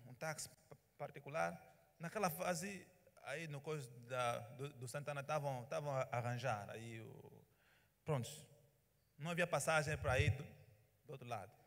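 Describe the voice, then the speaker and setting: In a reverberant church hall, a male pastor animatedly acts out the dialogue of a story he's telling in his sermon. His fairly high voice has a creaky quality.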